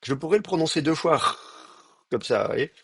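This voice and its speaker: A man's voice: fairly high pitch, expressive, brisk, vocal fry, breathy edge, dry recording, studio quality. A man teaching a live grammar lecture, thinking aloud with many fillers and restarts and speaking straight to his students. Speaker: Hebrew teacher.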